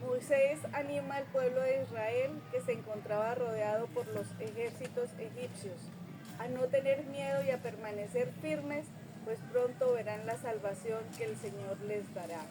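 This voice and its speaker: High-pitched woman reading bible verses out loud, noisy background. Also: normal speed. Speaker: congregation member reading scripture. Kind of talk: reading aloud in church.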